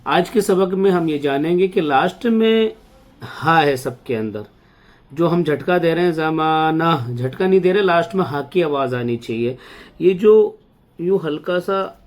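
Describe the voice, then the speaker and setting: A man teaching an online Urdu reading lesson, patiently explaining and then reading single words slowly and drawn out for practice. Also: fairly high pitch, expressive.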